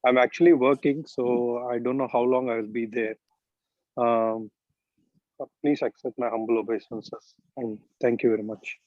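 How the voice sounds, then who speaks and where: A man's voice: medium pitch, steady tone, moderate pace, dry recording, lo-fi sound. A man greeting a video meeting formally, with a string of devotional salutations. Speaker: meeting participant. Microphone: video call.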